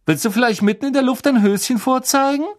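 A man reading an audiobook, voicing a sneering, arrogant teenage wizard boy with a drawn-out, taunting delivery. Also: very high voice, pitched above the performer's own voice.

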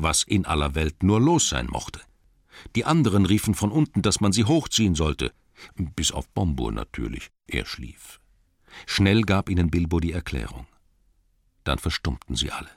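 A man with a very low voice reads a story aloud, slow and deliberate, letting tense passages rise and quiet ones sink nearly to a whisper. The sound is close and dry, without any room echo. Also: slightly rough. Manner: slow, deliberate, with dramatic rises and hushed drops. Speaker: audiobook narrator. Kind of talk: scripted narration.

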